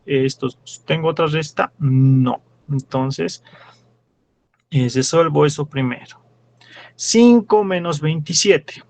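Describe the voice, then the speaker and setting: A man's voice: a little high, slow pace, a little mellow. A young man with a Bolivian Spanish accent, a teaching assistant working through problems step by step in class and quizzing his students. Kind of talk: classroom lecture.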